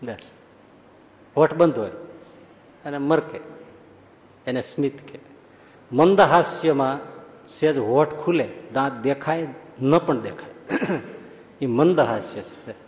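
A male swami giving a storytelling sermon, lively and acting out the people in his stories. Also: mid-range voice, slow pace, pauses often. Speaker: swami preacher. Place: large hall at a religious school. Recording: echoey hall, faint background hum.

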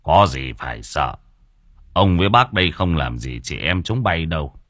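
A man voicing a kindly, calm elderly father who speaks in an unhurried, soothing and gently chiding way. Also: rumbling low, no room sound, clean studio sound, heavily acted.

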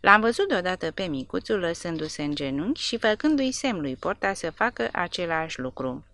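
A woman reads a war novel aloud with dramatic expression. Her voice sits low but moves with lively pitch. The recording is close and dry. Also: dry recording. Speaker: audiobook narrator.

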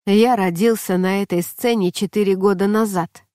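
A wistful young male sprite of the stage speaks quietly and musingly, as a woman reads him in her own dark, mellow voice. The storybook recording is dry and close, with no room sound. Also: medium pitch, fairly even intonation, moderate pace, no echo, lightly acted.

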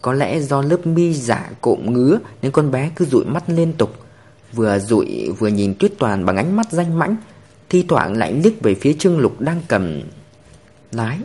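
A man narrating a story in an expressive storytelling manner. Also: medium pitch, moderate pace, husky.

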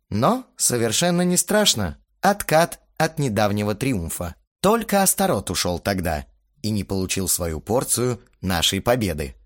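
Male audiobook narrator, wry, animated pitch.

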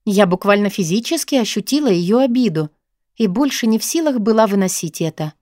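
A woman's voice: medium pitch, animated, brisk, darkish tone, no room sound, studio quality. A woman narrating a first-person novel in an intimate, confessional way. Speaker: audiobook narrator.

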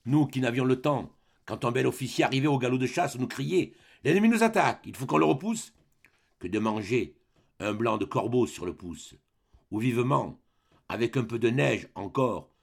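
A man's voice: medium pitch, moderate pace, vocal fry, slightly rough. A man reading as a proud old grenadier sergeant. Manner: declaiming, rhythmic verse delivery. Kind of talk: dramatic reading of a verse play.

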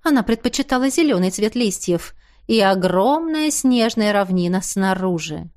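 A woman narrating a novel aloud in an even, measured storytelling voice. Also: mid-range voice. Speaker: audiobook reader. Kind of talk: scripted narration.

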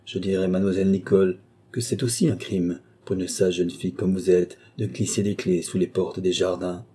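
A man reading aloud and voicing a young male servant who replies calmly and coldly. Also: low voice, normal speed, husky. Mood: coldly defiant. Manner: calm, cold replies.

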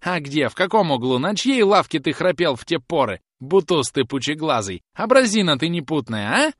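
A man reading an audiobook, voicing a spiteful old woman with a shrill, jeering, scolding manner. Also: very animated, a little fast, fairly bright tone, no echo. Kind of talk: audiobook character voice.

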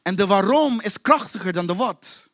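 A man preaches to his congregation with fervent, repetitive intensity, hammering the same question again and again. His voice sits very high for a man and rings bright and forceful. The sound is dry and close to the mic. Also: lively intonation, moderate pace, no echo. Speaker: pastor. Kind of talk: sermon. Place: church.

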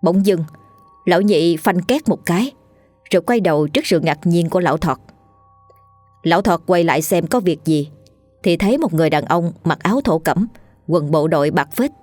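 A woman narrating a ghost story in a lively, dramatic way. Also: on the low side, normal speed, long pauses, no echo, soft background music.

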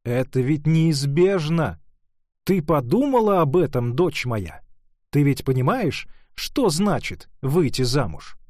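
Man doing a cool proper mom lecturing, measured, dry recording. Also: fairly high pitch, very animated, darkish tone, dry recording. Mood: disapproving. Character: proper middle-aged mother, cool, disapproving.

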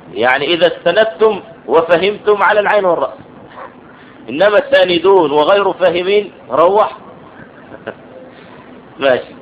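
A fairly high-voiced man with an Egyptian accent teaches a grammar class, explaining patiently and stopping to ask whether everyone follows. The recording sounds dull and lo-fi, with a faint hiss of noise behind him. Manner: explanatory, checks understanding with quick questions.

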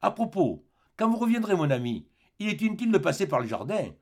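A man voicing a kindly, serene elderly bishop who talks gently and solemnly, in a raised voice. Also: high-pitched, sing-song, fast, pitched above the performer's own voice, full character voice. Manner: warm, solemn, forgiving.

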